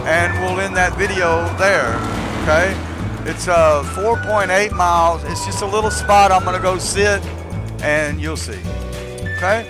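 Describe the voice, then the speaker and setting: A high-voiced man walks through a video game tutorial step by step in a casual way, repeatedly checking in with the listener with "see" and "okay." Loud game music and vehicle sounds play behind his voice.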